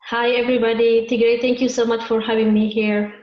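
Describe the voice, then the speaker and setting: Eritrean-born woman speaking, flat tone. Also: a little high, fairly quick. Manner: hesitant, many fillers. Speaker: guest. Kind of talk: interview answers. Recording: echoey muffled video call.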